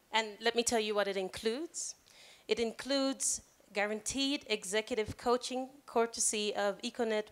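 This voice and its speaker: A woman hosting an event, announcing prize winners in an upbeat, chatty way. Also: medium pitch. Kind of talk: ceremony announcing.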